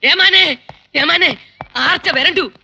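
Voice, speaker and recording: A man's voice: extremely high pitch, animated, brisk, sharp tone, exaggerated voice. An actor playing a cheeky village police constable who talks back to his uncle, on a dull old film soundtrack. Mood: urgent. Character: cheeky male village constable, wisecracking nephew. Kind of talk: 1990s film comedy acting.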